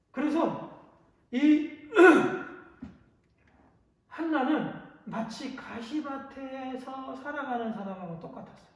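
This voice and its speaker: Animated pastor in an echoey hall. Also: male voice, very high voice. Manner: animated storytelling with questions to the listeners. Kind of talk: children's sermon. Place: church hall.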